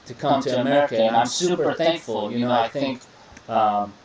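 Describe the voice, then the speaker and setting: A young man from Iraq hosts a casual podcast interview, chatting easily in a laid-back, friendly flow at a normal speed and medium pitch. He loops back on his words, repeats himself, and often says "bro" and "beautiful." Sitting a bit off-mic and recorded from a distance, his voice rings in a strongly echoing room with crowd noise around it.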